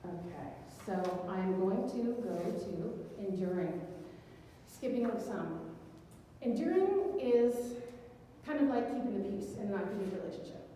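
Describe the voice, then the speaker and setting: A woman's voice: medium pitch, lively intonation, unhurried, mellow, a little hiss or hum. Woman lecturing in an echoey hall. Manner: conversational, acts out the quoted words of women. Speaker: researcher giving a talk. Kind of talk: academic lecture. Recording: echoey hall picked up from far off.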